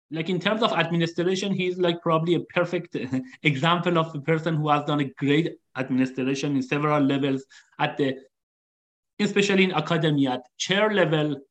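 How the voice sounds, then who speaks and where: A man hosting a live online interview, speaking hesitantly with many fillers. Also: on the high side. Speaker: host.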